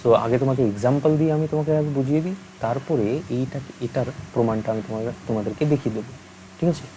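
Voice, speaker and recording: A young man gives a recorded maths lesson in a soft, mellow voice. He explains patiently and keeps asking whether the listener has understood. A faint noise runs under the recording. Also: medium pitch, quick pace, rough recording. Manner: patient, asks many check-in questions. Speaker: maths teacher.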